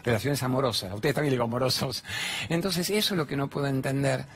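A man's voice: mid-range voice, fast talker, husky. Blunt Argentine man giving a talk. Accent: Argentine Spanish. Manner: colloquial and blunt, acts out dialogues. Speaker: spiritual speaker. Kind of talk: motivational stage talk with storytelling. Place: studio with two fixed cameras.

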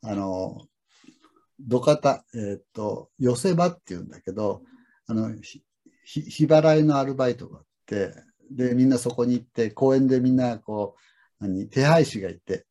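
A middle-aged man with a husky, mellow voice talks in a slow, reflective, rambling way. He hosts a relaxed conversation and fills his stories with pauses and fillers. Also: mid-range voice. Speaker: lesson host. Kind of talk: casual conversation.

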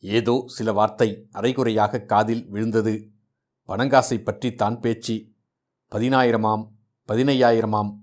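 A man's voice: on the low side, fairly even intonation, a little slow, lightly acted. A man voicing a grumbling half-deaf servant. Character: male servant cook, hard of hearing, plain-spoken.

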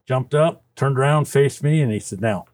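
A man's voice: medium pitch, normal speed, darkish tone, natural voice. A man playing a kindly, jolly old Santa Claus, chatting casually and unhurriedly in character on a podcast, with chuckles. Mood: amused, reminiscing. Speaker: guest.

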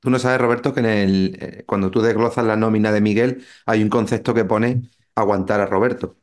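A man's voice: on the low side, steady tone, a little fast, darkish tone. A man co-hosting a casual podcast, chiming in with teasing jokes. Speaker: podcast co-host.

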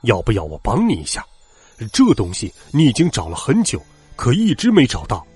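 A man voicing a gruff, sly male robber chief in a children's storybook reading, talking low and haggling. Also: huge pitch swings, brisk, darkish tone, soft background music, exaggerated voice. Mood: coaxing.

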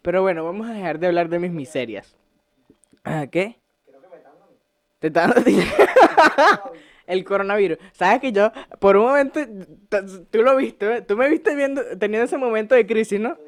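A man's voice: sits high, animated, normal speed, pauses often. A young man with a Venezuelan accent hosting a casual podcast, telling stories with lots of swearing, jokes and laughter. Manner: profane, joking, laughs often. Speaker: podcast host. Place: home podcast set.

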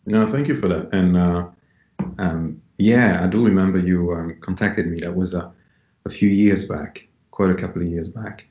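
A man in his forties from France, speaking as an interview guest in a relaxed, unhurried way with many ums. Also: sits low. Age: 40s. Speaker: yoga teacher guest. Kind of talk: casual interview talk. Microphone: remote call. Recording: dull, roomy call audio.

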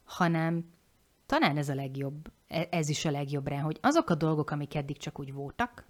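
Woman, forties, low voice, frank, animated, casual swearing, podcast talk. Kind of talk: candid podcast conversation.

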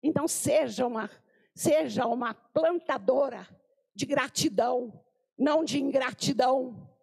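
An older Brazilian woman preaching to a women's gathering speaks unhurriedly in a high-sitting, husky voice with vocal fry. Animated and exclamatory, she recounts anecdotes and acts out the voices of those she quotes.

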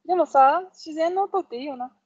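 Female podcast co-host, Kansai accent, fairly high voice, casual chat, dry but slightly dull recording. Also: a little fast, no room sound. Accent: Kansai Japanese. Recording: dull, lo-fi audio.

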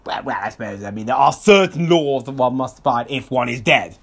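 A man co-hosting a comedy podcast, halting and stammering through his sentences with lots of fillers and laughter. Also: mid-range voice, vocal fry, breathy edge. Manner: halting, stammering, many repeated words and fillers; breaks into laughter often. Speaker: podcast co-host.

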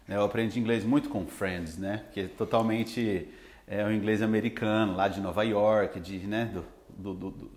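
A Brazilian man who teaches English, talking in a relaxed, rambling way with lots of fillers. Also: on the low side, roomy sound. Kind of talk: casual podcast chat.

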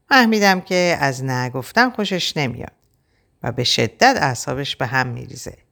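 Woman with a really low voice reading a story, quiet and inward. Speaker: audiobook reader. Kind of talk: first-person story narration.

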